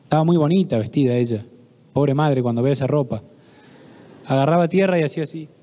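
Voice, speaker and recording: A middle-aged Argentine psychologist giving a talk at a parish, telling stories, acting out the dialogue and asking the audience questions. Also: male voice, fairly high pitch, brisk, warm tone. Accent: Argentine Spanish. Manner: storytelling, acts out dialogue, asks audience questions. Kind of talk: conference talk with anecdotes. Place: parish hall.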